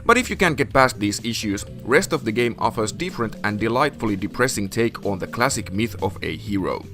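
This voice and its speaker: A man narrating a scripted retro game review in a measured, formal, essay-like way. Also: lowish voice, lively intonation, sharp tone, soft background music.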